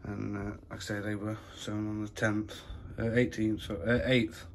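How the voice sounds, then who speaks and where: A man with a low, monotone voice talks casually through a phone walk-through of his plot, full of fillers. Wind and outdoor noise sit clearly behind him. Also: moderate pace. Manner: chatty, plain-spoken, full of fillers. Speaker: allotment vlogger. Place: windy allotment outdoors, then a room at home.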